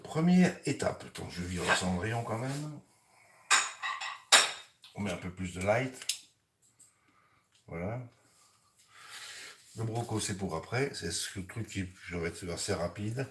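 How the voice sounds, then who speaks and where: A man's voice: sits low, animated, a little slow, pauses often, slight background noise. Chatty man live-streaming from his kitchen. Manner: rambling, chatty, talks to viewers and pets. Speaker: home cooking live-streamer. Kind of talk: casual live-stream chat. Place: home kitchen. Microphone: camera on a hanging mount.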